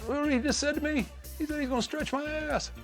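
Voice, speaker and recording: A man and wrestler guest recounting a story in an interview, soft-spoken and acting out quotes. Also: extremely high pitch, steady tone, rapid-fire, soft background music.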